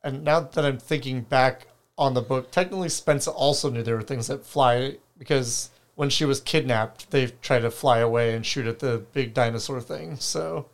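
A co-host on a book podcast speaks in a relaxed, casual way about a novel. They hedge often, with a lot of "like" and some restarts. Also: medium pitch, moderate pace, few pauses. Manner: relaxed, hedging, with frequent "like" and restarts.

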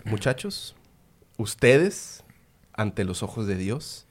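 A man with a Mexican accent imitating an older priest who speaks slowly and solemnly. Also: lowish voice, very animated, a little hiss or hum, pitched below the performer's own voice. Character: older male priest, solemn and sweet-voiced.

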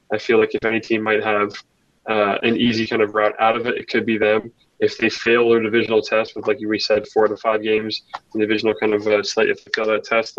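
Flat-voiced man on a dull distant mic. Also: lowish voice, dry recording. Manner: measured, even, hedging. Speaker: podcast co-host. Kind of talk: casual sports chat.

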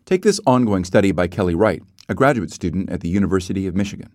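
Male podcast presenter, low voice, dead-dry studio sound, measured reads. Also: expressive, darkish tone, dry recording. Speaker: podcast host. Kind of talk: scripted news presenting.

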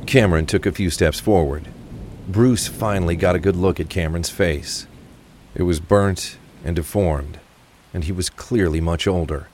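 In a deep, slightly mellow voice at normal speed, a man reads the scripted narration of a crime thriller audio drama. A faint ambience of rain and traffic, including vehicle sounds, runs underneath.

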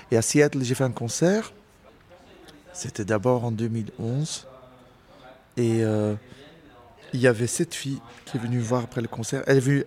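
A man in his forties, a singer being interviewed, telling stories casually with many restarts. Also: mid-range voice. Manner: halting, many restarts, animated storytelling.

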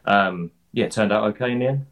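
A man's voice: fairly low pitch, fast, muffled recording. A man with an Essex accent chatting casually as an interview guest, talking in a self-deprecating, matey way. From Essex, England. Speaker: former footballer turned pundit, interview guest.

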